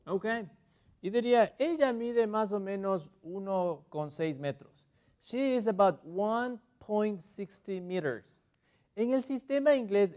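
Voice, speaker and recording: A man teaching English on a TV lesson, pronouncing English phrases slowly and carefully. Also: high voice, a little mellow. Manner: slow, drawn-out model phrases in English. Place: TV studio.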